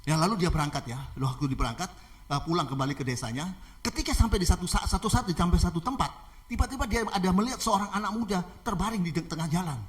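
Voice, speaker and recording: High-voiced guy preaching, animated storytelling, lots of "ya". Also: very fast. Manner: animated, repetitive with filler "ya". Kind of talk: sermon storytelling.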